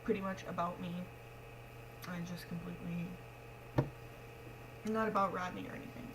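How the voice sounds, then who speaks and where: Lower-pitched young woman missing her front teeth. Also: fairly even intonation, moderate pace. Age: young adult. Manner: frank, rambling, matter-of-fact. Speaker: pregnant vlogger. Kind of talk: casual confessional vlog talk. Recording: clearly noisy home recording with hum.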